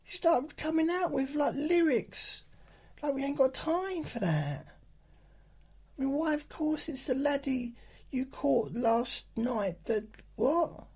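Ogre's wife, shrill henpecking falsetto, lively swoops. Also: male voice, slow pace, vocal fry, full character voice. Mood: exasperated nagging. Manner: ranting, ad-libbed complaints in falsetto. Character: nagging old ogre's wife, shrill and scolding.

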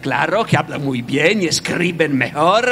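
A man speaks in a panel discussion, halting as he searches for words. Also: fairly high pitch, animated, bright, forceful tone, a little hiss or hum.

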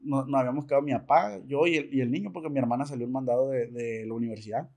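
A man's voice: medium pitch, rapid-fire, gravelly. A man with a Mexican accent, a podcast guest telling a story in casual slang and acting out the dialogue. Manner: slangy, animated, acts out quoted dialogue.

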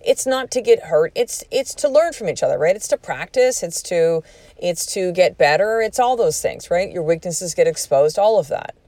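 A woman's voice: lowish voice, moderate pace, no room sound. A woman in her forties, a podcast host telling a personal story in a candid, profane way, acting out what people said. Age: 40s. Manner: candid and profane, animated retelling with quoted speech.

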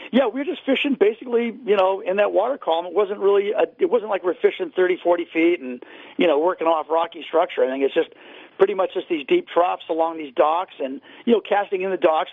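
A man's voice: high-pitched, no echo. A man chatting casually and at rambling length as a radio guest over a tinny phone line. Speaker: interview guest, angler. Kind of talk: casual radio interview chat. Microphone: phone call.

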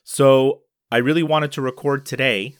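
A man's voice: mid-range voice, fairly even intonation, normal speed, clean tone, no echo, clean studio sound. A man co-hosting a casual sports podcast, talking loosely with lots of fillers and restarts. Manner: chatty, many fillers and restarts. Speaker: podcast co-host. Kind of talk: casual chat.

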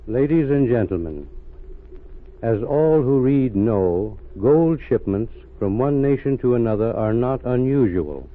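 A man as ex-secret agent storyteller, medium pitch, measured, formal, 1930s radio, thin phone-like recording. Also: lively intonation, natural voice. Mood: solemn, measured. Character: former secret agent adventurer, solemn storyteller.

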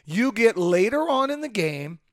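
Male football podcaster, high register, worn and hoarse from a cold, opinionated and emphatic delivery, dry recording. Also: very animated, measured pace, dry recording. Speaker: sports podcast host.

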